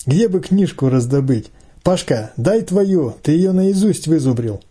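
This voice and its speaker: A man's voice: fairly high pitch, expressive, measured pace, warm tone, husky, pitched above the performer's own voice. A man voicing an eager, slightly fawning young boy at summer camp. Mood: cheerful.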